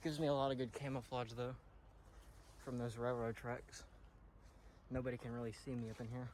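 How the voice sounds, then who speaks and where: A man's voice: mid-range voice, flat delivery, moderate pace, a little mellow. A man casually narrating as he explores abandoned houses, out of breath and rambling, swearing offhandedly. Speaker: urban explorer vlogger. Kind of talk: casual handheld exploring commentary. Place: abandoned houses in an overgrown ghost town. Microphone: action camera mic. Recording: noisy outdoor action-cam audio.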